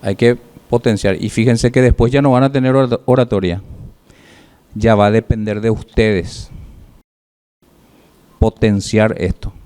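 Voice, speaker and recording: A man teaching public speaking, giving feedback to his class in a measured way, listing points with pauses and rhetorical questions. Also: lowish voice, steady tone, a little mellow, clean tone.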